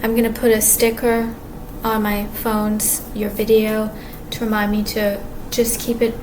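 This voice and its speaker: In a casual talk to camera, the quiet vlogger rambles with a medium-pitched, completely flat delivery. Her speech is halting and full of restarts and fillers, with background ambience clearly audible.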